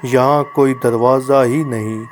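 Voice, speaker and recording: A man voicing a sinister old male hotel receptionist with a dry, slow voice in a spoken horror story. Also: medium pitch, fairly even intonation, faint music behind, close to an everyday voice. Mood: menacing.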